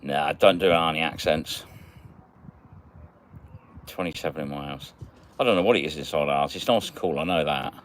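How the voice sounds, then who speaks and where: Deep-voiced chatty livestream host. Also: male voice, moderate pace, long pauses, slight background noise. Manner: chatty, greets viewers by name, lively swings in pitch. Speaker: magnet fishing livestream host. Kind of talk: casual livestream chat reading comments.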